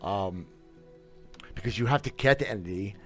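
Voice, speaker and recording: With faint music behind him, a gaming streamer in his thirties talks at normal speed in a voice on the low side. It's casual livestream commentary, delivered bluntly and boastfully with many stammers and restarts. He sits in a small room on a headset mic, framed by a webcam.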